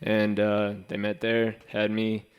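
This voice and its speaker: Low, flat, smooth young male rapper. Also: slow pace. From United States. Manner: laid-back, many fillers. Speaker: hip-hop artist. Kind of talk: casual self-introduction.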